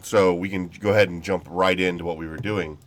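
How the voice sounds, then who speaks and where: Speaking fairly fast in a low, steady voice, a man hosts laid-back, meandering commentary on his game for his gaming channel. A touch of illness leaves him slightly nasal.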